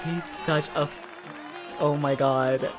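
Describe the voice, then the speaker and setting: A man's voice: a little high, fairly even intonation, slow, over music, a crowd in the background. A man who is a campy, dramatic drag queen, giving casual reaction commentary as a host.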